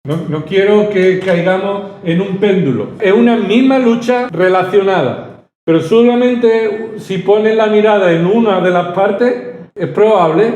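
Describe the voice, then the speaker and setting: A man's voice: high-pitched, darkish tone, roomy sound, dull audio, a little hiss or hum. A male pastor from preaching a sermon, pressing his points with rhetorical questions and repetition. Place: church hall.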